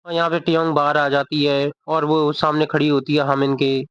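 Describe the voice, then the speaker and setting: A man's voice: a little high, flat delivery, moderate pace, a bit bright, clean tone, dry recording. A man narrating a manga recap in a conversational, scene-by-scene way, in a dull lo-fi recording. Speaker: manga explainer. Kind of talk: casual story recap narration. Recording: dull lo-fi dry voice.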